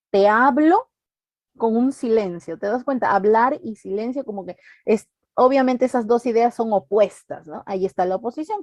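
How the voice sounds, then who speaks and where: A woman with a Latin American Spanish accent teaching an exam-prep literature lesson, checking understanding with frequent tag questions and slowing down to stress key terms. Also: mid-range voice, a little mellow, dry recording.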